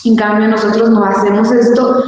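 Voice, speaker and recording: A woman's voice: medium pitch, flat delivery, normal speed, darkish tone. A woman teacher with a Guatemalan Spanish accent, explaining a lesson patiently and rephrasing each point. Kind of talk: recorded class lesson. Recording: echoey long reverb, far from mic.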